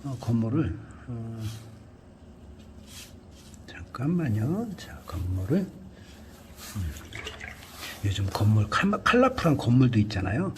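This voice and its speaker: A man giving a calm painting lesson, talking through each brushstroke and often dropping to a near whisper. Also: on the low side, measured pace, long pauses, background noise. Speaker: art instructor. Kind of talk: painting tutorial narration.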